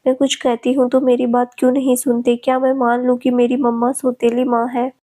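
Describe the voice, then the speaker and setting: A woman reading the lines of a sharp-tongued young wife in a family drama. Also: a little high, level tone, fairly quick, natural voice. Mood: defiant.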